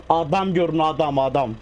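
A man giving casual, excitable commentary as he plays a driving game, scolding the computer drivers. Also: fairly high pitch, a little slow. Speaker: gaming channel host. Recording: loud game car noise behind.

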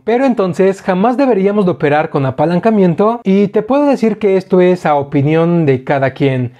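Young man, high voice, mellow tone, earnest finance explainer, lapel mic. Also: lo-fi sound. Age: young adult. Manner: earnest, direct address to the viewer. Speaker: finance educator. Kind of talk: scripted explainer to camera. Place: small indoor studio with a screen backdrop.

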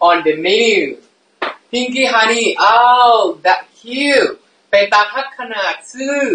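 A man's voice: high voice, fairly bright tone, a little hiss or hum. Giggly man live-streaming in an echoey room. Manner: playful and giggly, often laughing. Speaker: livestream host. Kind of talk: casual live-stream chat. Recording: echoey room, mic at a distance.

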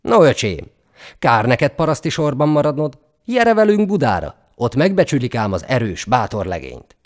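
A man voicing a haughty male knight captain in a storybook tale, calling out loudly and scornfully. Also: mid-range voice, very animated, voice pushed up, lightly acted. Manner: loud, scornful.

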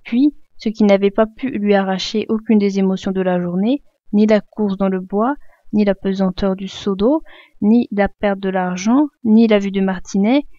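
A woman reading a classic novel aloud, expressively, raising her voice for the characters' shouts. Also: medium pitch, no echo, highs cut off. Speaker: reader.

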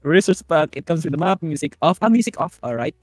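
Filipino woman gaming host, playful, animated pitch, dry close mic, faint music behind. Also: fast, slightly rough, no room sound. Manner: playful, laughs often, reads rules aloud. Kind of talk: casual gameplay chat.

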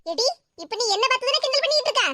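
A woman's voice: very high voice, expressive, very fast, heavy background noise. A woman voicing a touchy young cartoon girl who keeps complaining about her sister, with a Tirunelveli Tamil accent. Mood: annoyed. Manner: whiny, complaining. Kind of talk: cartoon voice acting.

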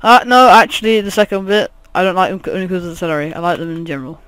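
A man's voice: sits high, steady tone, racing, a bit bright, clean tone, dry recording. A man giving rambling, jokey let's play commentary, swearing often. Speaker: gaming channel host.

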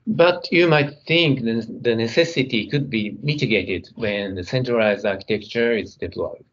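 A middle-aged man giving a technical conference keynote from his computer, speaking in a measured way as he talks through his slides. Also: fairly low pitch, fairly bright tone, muffled recording. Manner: measured, reading slides, some non-native grammar.

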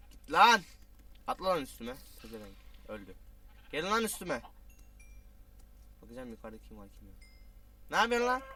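Lively, bright-voiced man chatting while gaming. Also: medium pitch, recorded from a distance. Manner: rambling and chatty, swearing at the game's monsters. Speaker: gaming video host. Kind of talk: casual let's-play commentary.

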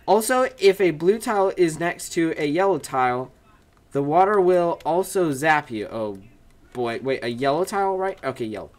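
Animated and on the high side, a teenage boy commentates his gameplay at home at a normal speed for a gaming video. He reads signs aloud and shouts and squeals when he fails or wins, his voice turning hoarse; the setup is a desk mic with a webcam.

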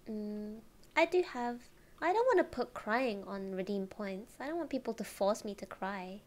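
A woman streamer chatting casually, giggling often and drifting into soft whispers. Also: medium pitch, lively intonation, normal speed.

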